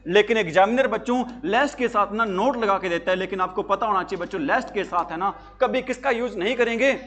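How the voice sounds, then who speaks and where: A man's voice: high voice, brisk, a bit bright. A man teaching grammar for job exams, asking his class questions and answering them himself with repeated emphasis. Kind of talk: classroom lecture.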